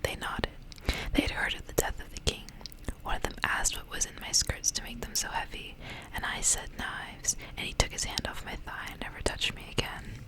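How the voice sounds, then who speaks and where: In a low-quality recording, a woman whispers a story in a completely breathy, unvoiced hush. She sounds soft and intimate, ASMR-like, pacing her phrases like a storyteller reading aloud from a book.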